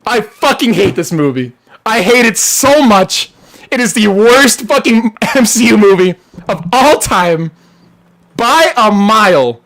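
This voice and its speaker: A young adult live streamer ranting with heavy swearing and sudden shouts, then reading chat, voice wearing out. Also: mid-range voice, a little slow. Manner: profane, animated ranting, bursts into shouting. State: losing voice.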